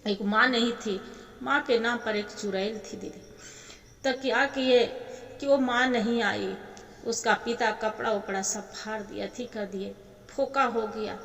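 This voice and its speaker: Bhojpuri lady storyteller, emotional, keeps saying didi, fairly high voice, big echoey hall. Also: fairly even intonation, measured pace, creaky, a bit bright. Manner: emotional, addresses listeners as sister. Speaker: folk storyteller. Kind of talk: devotional folk storytelling.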